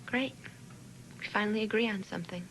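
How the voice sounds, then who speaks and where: Brief: actress playing defiant young soap heroine, sarcastic, mid-range voice. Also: female voice, medium pitch, brisk, a bit bright, a little hiss or hum, natural voice, poor audio. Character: headstrong young woman, defiant yet needy. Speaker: soap opera character. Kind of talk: 1990s daytime soap acting.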